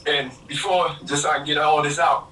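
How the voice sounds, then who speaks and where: A man's voice: a little high, fairly even intonation, fairly quick, sharp tone. A man firmly making his case in a podcast debate, emphatic and lecturing, heard over a remote call. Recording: echoey, distant call with faint noise.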